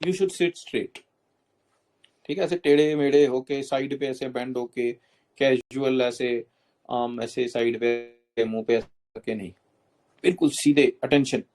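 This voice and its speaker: A man coaches students through interview etiquette in a mid-pitched, everyday voice. He lays out each point step by step, slips English terms into Hindi and keeps checking that his listeners follow. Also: a little slow, a little mellow. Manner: instructs step by step, often checks in with "okay?".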